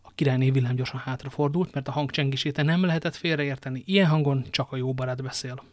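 A man narrating an audiobook in a measured storytelling manner. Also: mid-range voice, steady tone, no echo. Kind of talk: audiobook reading.

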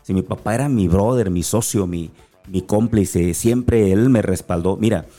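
A man's voice: lowish voice, unhurried, soft background music. A man from Mexico with an Acapulco accent, a motivational speaker telling his story as a guest in an interview, acting out the dialogue as he goes. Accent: Mexican Spanish, from Acapulco. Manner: animated storyteller, acts out dialogue.

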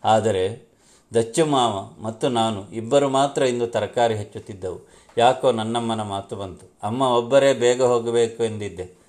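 A man narrating a first-person story in a slow, reflective, heartfelt manner. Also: mid-range voice, a little mellow.

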